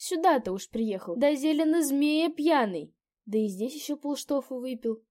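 A woman's voice: high voice, lively intonation, a little mellow, pitched above the performer's own voice. A woman reading a story aloud, voicing a fussy, gossiping old peasant innkeeper woman. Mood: grumbling. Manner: fussy, fawning, quick to exclaim. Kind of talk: audiobook character voice.

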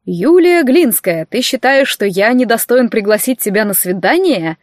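A woman's voice: on the high side, big pitch swings, normal speed, no echo, clean studio sound. A woman voicing a teasing, theatrical young man, speaking in a playful, mock-offended way.

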